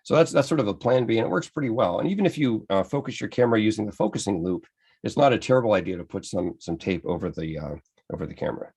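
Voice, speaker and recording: A man's voice: fairly low pitch, lively intonation, fast talker, creaky, darkish tone, breathy edge. An American man giving an enthusiastic, conversational photography lecture from slides, with frequent restarts. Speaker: photography presenter. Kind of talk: slide-based club lecture.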